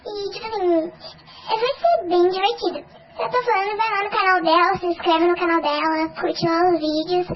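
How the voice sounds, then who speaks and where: A squeaky chipmunk voice from a voice-changer app, pushed to an extreme, childlike height. The vlogger rambles casually, full of fillers and restarts. The audio is dull and lo-fi, with background noise clearly audible. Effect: voice-changer app giving a thin, childlike chipmunk voice. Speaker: vlogger promoting a friend's channel. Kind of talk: casual vlog chat.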